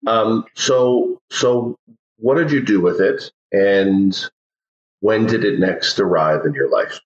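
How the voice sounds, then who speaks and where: A man's voice: fairly low pitch, takes it slowly. A man hosting an interview, reflecting on and affirming what his guest says. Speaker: podcast host. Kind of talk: conversational interview. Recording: echoey, dull lo-fi sound.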